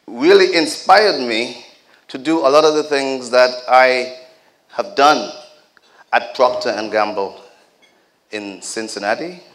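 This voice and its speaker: A man's voice: medium pitch, fairly bright tone. A man giving a speech at a community celebration. He exhorts the crowd in a preacher-like cadence and speaks to them directly, with joking asides.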